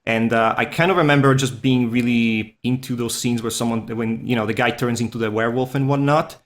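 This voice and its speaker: A man with a Swiss Italian accent, whose first language is Italian and who speaks English as a non-native, appears as a podcast guest and furry artist. His medium-pitched voice is steady and fairly quick. He chats in a casual interview, easygoing, rambling and self-deprecating.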